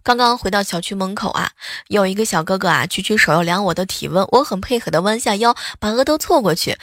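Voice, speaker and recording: A woman's voice: medium pitch, expressive, quick pace, a bit bright, dry recording, clean studio sound. A woman host telling playful, chatty funny anecdotes. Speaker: radio-style host. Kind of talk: humorous anecdote storytelling.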